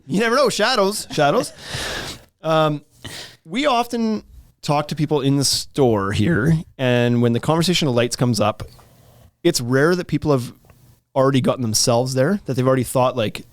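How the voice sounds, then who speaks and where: A man's voice: mid-range voice, animated, a little fast, dry recording. Guy chatting casual at a store, laughs a lot, trails off, dry close sound. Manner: chatty, laughs often, trails off mid-sentence. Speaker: podcast co-host at a deck store. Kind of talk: casual chat. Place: indoors, store.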